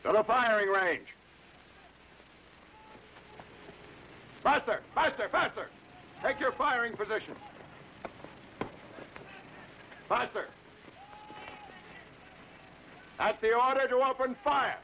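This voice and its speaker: A man's voice: very high-pitched, normal speed, sharp tone, a little hiss or hum, exaggerated voice, rough recording. An actor playing a bossy male army drill sergeant who barks clipped commands in a dubbed film. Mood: urging. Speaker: drill instructor.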